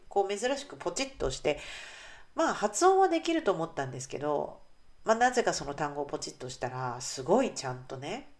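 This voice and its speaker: Woman podcast host and English coach, low voice, casual solo chat. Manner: chatty, warm asides with frequent "ne" and fillers.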